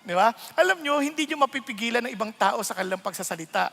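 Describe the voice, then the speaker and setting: Middle-aged male pastor, high voice, animated and joking, sermon in a reverberant church hall. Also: fast talker, creaky. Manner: playful, animated, often laughing, keeps asking the congregation questions. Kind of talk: conversational sermon.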